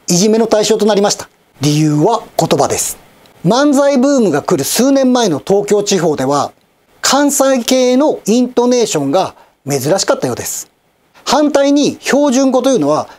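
Animated, formal middle-aged male commentator. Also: high-pitched. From Japan, Osaka and Kochi. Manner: formal, polite and measured, with wry asides. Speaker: channel host and commentator. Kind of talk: scripted news-style commentary.

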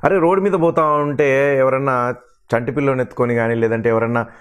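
A man's voice: mid-range voice, fairly even intonation, a little fast, smooth. A middle-aged man, a mimicry artist and actor, talking earnestly and with hurt feelings in an interview, listing the roles he has played. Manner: earnest, aggrieved, lists his roles at length. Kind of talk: emotional interview talk.

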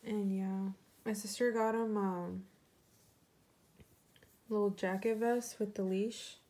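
A young woman talks casually to her vlog audience in a mellow, rounded voice. She rambles through stories and leans on "like" as she goes. Now and then she slips into cooing baby talk with her rabbit. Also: mid-range voice. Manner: rambling storytelling full of "like" fillers. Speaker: vlogger. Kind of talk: casual chat.

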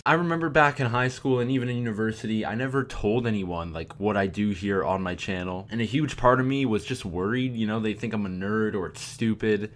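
A young man giving a casual, candid commentary to his viewers, relaxed and chatty with frequent fillers. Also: fairly low pitch. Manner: laid-back, candid, with fillers like "man" and "you know". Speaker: YouTube commentator.

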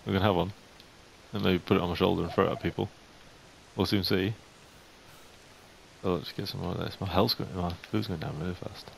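A young man giving casual game commentary, chatting to the animals in the game and getting jumpy and excitable. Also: deep voice, brisk, gravelly, pauses often. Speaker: gaming YouTuber. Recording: faint hiss.

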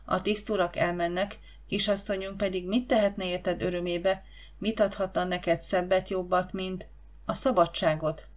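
A woman voicing a gentle, cautious woman servant who talks in a soothing, hushing way. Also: on the low side, little pitch movement, close to an everyday voice.

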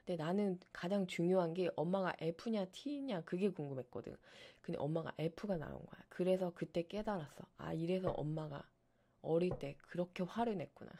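A woman who streams ASMR, chatting casually on her live stream and telling stories with animated energy and frequent laughs. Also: fairly low pitch, normal speed.

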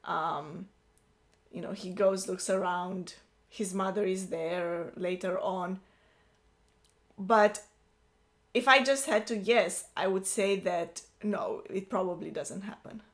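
A woman co-hosting a relaxed movie review chat, speaking casually with frequent "like". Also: mid-range voice, takes it slowly. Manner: casual, uses "like" often. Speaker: movie review podcast co-host. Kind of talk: casual conversational film review.

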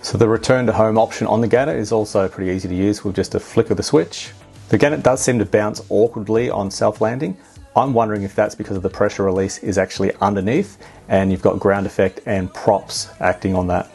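An Australian man talks through a product review in a low, gravelly voice with a husky edge. He explains things in a plain, matter-of-fact way. Soft music plays quietly behind him. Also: fairly even intonation, brisk. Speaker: drone reviewer.

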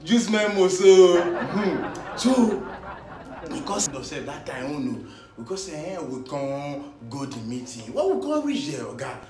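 A man's voice: on the high side, takes it slowly, a faint crowd. A man with a Nigerian Pidgin accent telling a comic story, chuckling often as he goes. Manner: animated, chuckling through his tale. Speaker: comedian. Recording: roomy echo.

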